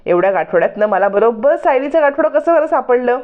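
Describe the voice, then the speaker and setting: A woman with a high, animated voice talks briskly, her sound narrow and tinny. Recapping a TV serial episode in a relaxed storytelling style, she performs every character's lines herself.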